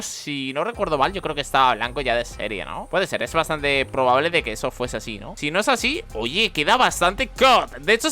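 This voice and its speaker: A young man with a Spain Spanish accent, chatting excitedly and joking while commenting on his gameplay. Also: fairly high pitch. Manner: excitable, chatty, jokey, loud outbursts. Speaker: gaming youtuber.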